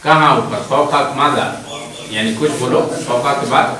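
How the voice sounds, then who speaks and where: A man's voice: mid-range voice, moderate pace, over a noisy crowd. A man teaching Arabic grammar in a seminary class, repeating terms and quizzing his students. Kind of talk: classroom lecture. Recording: very echoey room, distant mic, students around.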